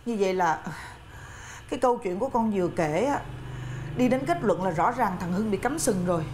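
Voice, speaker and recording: A woman in her sixties playing a fussy, excitable mother in a family sitcom. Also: medium pitch, slight background noise, close to an everyday voice. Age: 60s. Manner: fussy, excitable, quick to scold. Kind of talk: sitcom acting.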